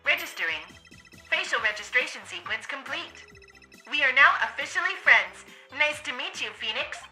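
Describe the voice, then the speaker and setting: A cheerful, eager guide robot in a game, as a woman puts on the voice, speaking in a stiff, clipped robot voice. The delivery is sharp and bright, bouncing up and down in pitch. Soft game music plays underneath. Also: lively intonation, normal speed, exaggerated voice. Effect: robot voice, put on without filter. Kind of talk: let's play voice acting.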